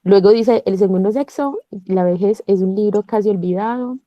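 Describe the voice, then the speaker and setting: A woman with a mellow, medium-pitched voice leads a shared reading for her book club over a video call, speaking at a moderate pace. She sounds hesitant and uses many fillers in this casual online session that includes passages read aloud. The recording is dry, with the highs cut off.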